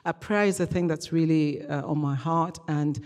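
This guest preacher, a middle-aged woman who serves as a regional church minister, has a low-pitched, darkish voice at normal speed. She talks in a light, conversational, somewhat hesitant way during a live sermon and interview in a large, echoey church hall with long reverb.

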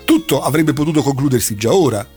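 A man's voice: medium pitch, expressive, quick pace, darkish tone, faint music behind. A man recounting a long story in a casual chat, telling it with dramatic flair. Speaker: podcast host recounting an anime plot.

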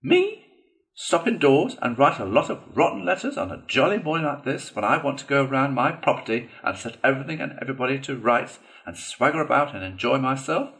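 A man voicing a boastful, excitable male toad gentleman in a storybook reading, gushing and theatrical. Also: normal speed, rough recording. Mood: dismayed. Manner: gushing, theatrical, shrill in outbursts.

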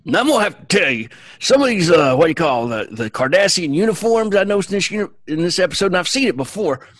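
A man's voice: high-pitched, big pitch swings, fast, fairly bright tone, no echo, pitched above the performer's own voice, exaggerated voice. A man co-hosting a podcast, playing a boastful, crude Southern space crewman who rambles through a recap, full of fillers and restarts. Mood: rambling. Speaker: podcast co-host. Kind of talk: comic in-character recap.

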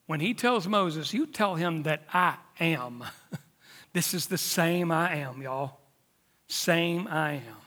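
Fifty-something preacher in a hall. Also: male voice, fairly high pitch, expressive, slow, a bit bright. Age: 50s. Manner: emphatic preaching, dropping to near-whispers for emphasis. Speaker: pastor. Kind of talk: sermon.

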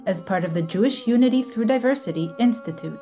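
Woman co-host reading podcast intro; mellow, dark tone, upbeat and inviting, faint music under. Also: medium pitch, expressive, fast talker.

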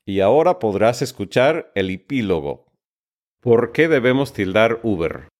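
A man hosting a podcast, reading his script in a measured, precise way. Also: fairly low pitch, big pitch swings. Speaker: podcast host.

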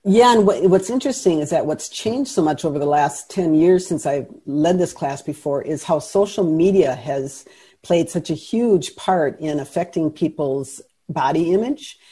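A woman's voice: deep voice, lively intonation, moderate pace, mellow, slightly rough. A woman speaking as a guest on a radio interview, explaining things earnestly. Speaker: radio show guest, class leader.

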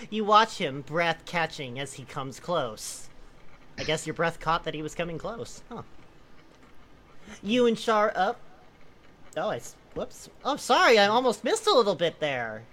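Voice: medium pitch, very animated, measured pace, fairly bright tone, a little hiss or hum. A person reading a comic story aloud to friends, breaking off into casual, amused asides.

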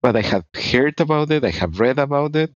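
A man's voice: mid-range voice, animated, fairly quick, no room sound. Ecuadorian man, dry muffled recording. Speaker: guest researcher. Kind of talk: interview answers. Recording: dry, dull lo-fi sound.

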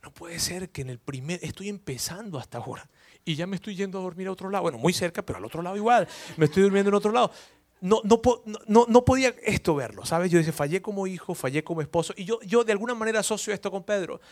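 A man's voice: high-pitched, lively intonation, quick pace. A man preaching a sermon through personal story, emotional, repeating words and asking the congregation questions.

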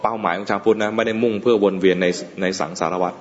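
A male Buddhist monk giving a relaxed dharma talk, joking aside now and then with small chuckles. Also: lowish voice, racing. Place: meditation hall. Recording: dull audio with long hall reverb.

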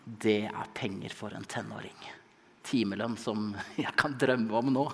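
A young man preaching a sermon at a church service, telling the story dramatically and swinging from loud calls to hushed asides. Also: lowish voice, fairly even intonation, vocal fry, breathy edge. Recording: long reverb of a church hall.

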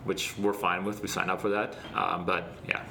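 A man answering interview questions casually as a guest, speaking in an earnest, reflective and halting way. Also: deep voice, little pitch movement, creaky, background noise. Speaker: interview guest, startup founder.

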